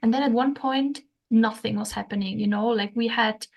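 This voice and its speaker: A young woman, a podcast guest telling her story in a soft, hesitant way with frequent fillers and light laughs. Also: fairly high pitch, fairly even intonation, moderate pace, gravelly. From Switzerland. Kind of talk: casual interview chat.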